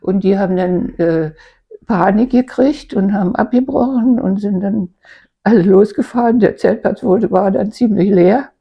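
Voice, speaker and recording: An elderly East German woman in her eighties casually recounting her life, halting and searching for words as a grandmother does. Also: mid-range voice, creaky, slightly rough. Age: 80s. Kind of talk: casual personal reminiscence. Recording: dull lo-fi home recording.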